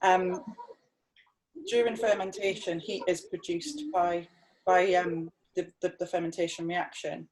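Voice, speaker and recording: A woman's voice: on the low side, fairly even intonation, measured pace, background noise. Hesitant woman winemaker from North East England. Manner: hesitant, many fillers and restarts. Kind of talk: webinar tasting talk.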